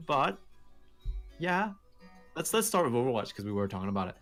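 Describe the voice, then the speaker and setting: A man's voice: mid-range voice, very animated, brisk, a bit bright, soft background music. A man hosting a casual gaming live stream, playfully teasing his co-hosts and hyping up announcements. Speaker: podcast host.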